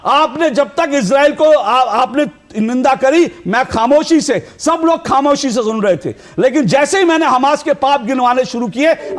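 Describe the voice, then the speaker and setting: A male TV news anchor in a heated debate, shouting and hammering the same phrases over and over. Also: very high-pitched. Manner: shouting, repeating phrases insistently.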